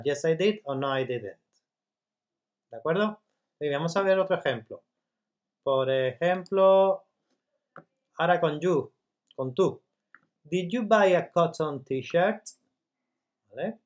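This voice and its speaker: A man teaching English grammar step by step in Spanish, patiently checking in with his students and reading example sentences slowly. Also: fairly high pitch, sharp tone. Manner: patient, repeats checks like "¿vale?" and "¿de acuerdo?".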